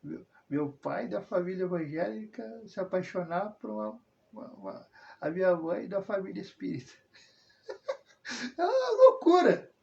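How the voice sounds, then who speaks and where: Here a southern Brazilian man who hosts religious videos rambles casually about personal matters, dropping tag questions and self-corrections throughout. His voice sits high, with vocal fry and a darkish tone, and the recording has a dull lo-fi quality.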